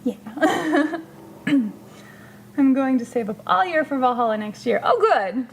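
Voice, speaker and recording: Brief: female stream host, fairly high voice, chatty and easygoing, faint hiss under her voice. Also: expressive, a little slow, creaky. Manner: chatty, reads out and answers viewer comments. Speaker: streamer hosting a hobby chat. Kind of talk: casual livestream chat while painting.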